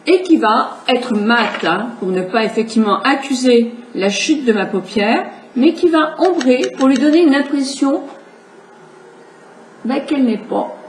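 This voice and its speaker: In an animated, high-pitched voice, a middle-aged woman with a slight cold chats unhurriedly to her viewers. As a makeup tutorial host, she explains each step while speaking to them directly. Echo and a faint hiss come from the room.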